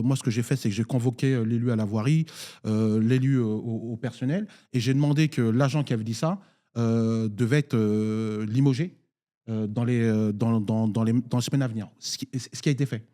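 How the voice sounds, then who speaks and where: A man's voice: mid-range voice, fairly even intonation, moderate pace, warm tone. A man from Nigeria, a municipal councillor speaking in a political debate, hesitant with many fillers and restarts.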